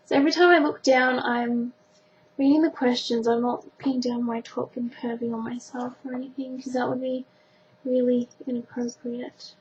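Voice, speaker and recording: Teenage girl, Australian accent, high pitch, casual vlog chat, self-deprecating, lo-fi sound, slight background noise. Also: little pitch movement, normal speed. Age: teenager, sixteen. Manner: self-deprecating, chatty, informal. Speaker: vlogger answering a questionnaire.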